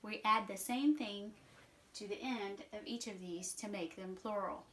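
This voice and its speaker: A woman's voice: medium pitch, measured pace, a bit bright. A woman teaching a beginner Mandarin lesson from home, patient and repetitive as she drills words aloud. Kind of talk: informal online language lesson. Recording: echoey room, voice a bit far from mic.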